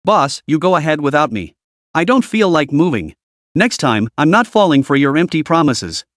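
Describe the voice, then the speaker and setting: A man's voice: on the high side, very animated, normal speed, fairly bright tone, no echo, studio quality. A man voicing a lazy, gluttonous divine beast pet who whines at his master in a storybook recap. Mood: sulky.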